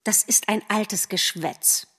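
A woman reading an audiobook aloud, voicing a scornful, stubborn female forest animal with dismissive, sharp retorts. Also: medium pitch, takes it slowly, slightly rough, in a large hall, exaggerated voice.

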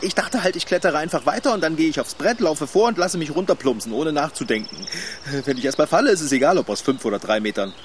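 A man's voice: a little high, lively intonation, fast talker, slight background noise, natural voice. A man voicing a timid, panicky character afraid of heights in a radio play, talking in an anxious, whiny way.

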